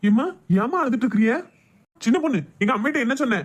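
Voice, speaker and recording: A man's voice: extremely high pitch, fast. A man voicing a stern grown son in a cartoon, with a Thoothukudi Tamil accent, lecturing his wife. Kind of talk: cartoon voice acting.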